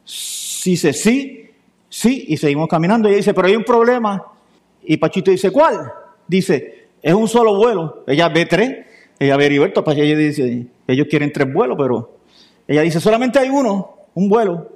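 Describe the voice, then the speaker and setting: A man's voice: high-pitched, moderate pace. A male preacher. He tells a personal story from the pulpit and voices the other people's lines as he goes. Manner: lively storyteller acting out dialogue. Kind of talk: sermon storytelling.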